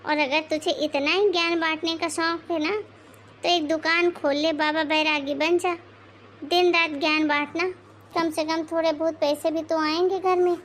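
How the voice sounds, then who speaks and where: A woman's voice: very high-pitched, level tone, normal speed, a bit bright, slight background noise. Woman voicing a taunting, bossy mother-in-law. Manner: sarcastic, taunting, scolding. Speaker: voice actor in an animated moral story.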